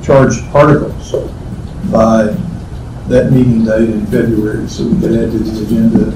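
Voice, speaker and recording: An American man on staff delivers a formal procedural report to a committee in a fairly low voice with little pitch movement and a moderate pace. He is picked up from a distance in an echoey indoor meeting room, and the recording is noisy.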